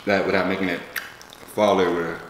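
A man's voice: deep voice, flat delivery, quick pace, background noise. A man co-hosting a mukbang, talking to viewers with playful teasing while chewing his food. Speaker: mukbang channel co-host. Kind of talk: casual mukbang chat to viewers. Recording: very echoey room.

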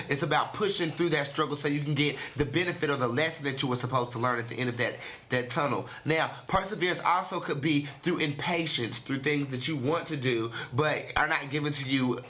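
A man's voice: on the high side, bright, forceful tone. A man hosting a casual motivational radio talk show, rambling and joking with puns and asides. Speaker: radio and video host.

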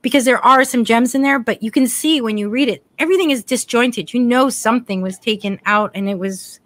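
Speaking a little fast in a higher-pitched voice, this middle-aged podcast host is indoors at home, hosting a relaxed spiritual conversation on a video call through a desk mic. Her manner is chatty, full of warm affirmations, and she reads scripture aloud; there's no echo.

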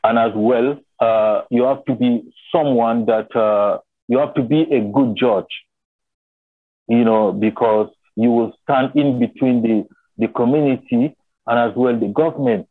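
A man's voice: medium pitch, unhurried, no room sound. A young man from Nigeria on a video call, explaining his tribe's customs thoughtfully and often asking if he is understood. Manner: thoughtful, repeats phrases and asks "you understand?". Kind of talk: casual video call discussion. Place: small indoor room. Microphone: laptop webcam on video call. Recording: tinny phone-line sound.

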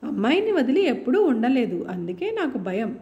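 A woman's voice: sits high, very animated, normal speed, warm tone, dull audio. A woman voicing an anxious, inquisitive elderly father who keeps asking questions, in a storybook reading. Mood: anxious curious.

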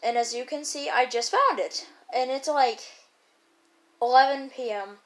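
A woman giving casual gameplay commentary as a YouTuber, rambling and chatty with excited bursts. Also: high-pitched, measured pace. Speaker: gaming YouTuber.

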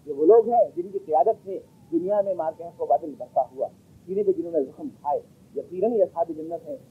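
A man delivering a Quran commentary lecture, asking rhetorical questions and swinging between loud emphasis and quiet asides. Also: a little high, husky. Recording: lo-fi muffled recording.

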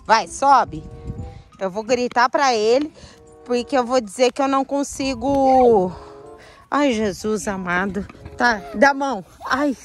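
A woman casually directing a prank in a home video, with quick, chatty instructions. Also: on the high side, faint music behind. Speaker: prank accomplice in a vlog. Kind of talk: casual vlog chat.

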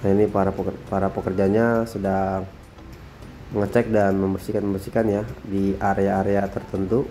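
A man narrating his drone footage as a voice-over, calm and unhurried, often tagging sentences with a soft "ya". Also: sits low, slight background noise. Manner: calm, repeats phrases, frequent tag "ya". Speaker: drone vlogger.

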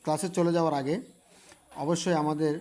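Man slowly spelling out syllables. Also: a little high, steady tone, warm tone. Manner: slow, repetitive spelling-out of letters and syllables; addresses viewers as dear friends. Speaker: Quran reading teacher. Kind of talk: spoken tutorial lesson.

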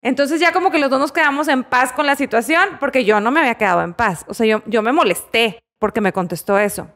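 A middle-aged woman, chatting casually as a podcast host and telling stories loudly. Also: fairly high pitch, quick pace. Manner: loud, animated storyteller. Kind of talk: casual chat.

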